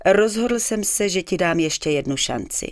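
A woman voicing a stern middle-aged husband who speaks quietly, firmly and darkly. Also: on the low side, animated, no echo, studio quality, pitched above the performer's own voice. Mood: stern reproach.

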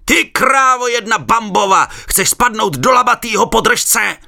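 A man voicing a rough fire brigade commander who yells coarse threats in a hoarse, drawn-out bellow. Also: high voice, animated, pitched above the performer's own voice, full character voice. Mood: yelling threats. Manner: coarse threats, yelled slowly.

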